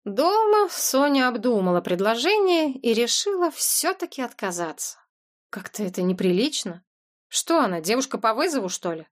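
A woman narrating an audiobook in a lively, expressive storytelling manner. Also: on the high side, normal speed. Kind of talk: scripted narration.

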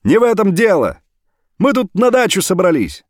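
A man voicing a good-natured middle-aged brother who shouts down a phone line. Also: sits high, wildly swooping pitch, a little slow, dry recording, clean studio sound, voice pushed up, full character voice. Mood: shouting. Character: middle-aged brother, kind storyteller, hesitant.

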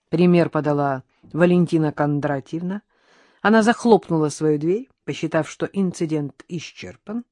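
A woman narrating a first-person audiobook in a lively, ironic storytelling manner. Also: low-pitched, dry recording, studio quality.

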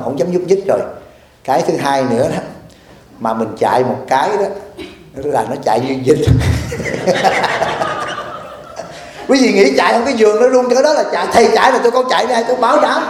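A man giving a storytelling sermon as abbot, animated and chuckling as he acts out dialogue. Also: a little high. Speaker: abbot giving a dharma talk. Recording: very echoey room.

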